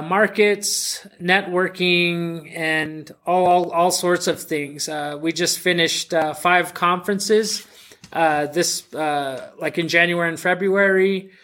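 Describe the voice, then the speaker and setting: A man answering casually as an interview guest, measured and hesitant, with frequent pauses. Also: a little high, a bit bright. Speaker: interview guest, jazz band musician.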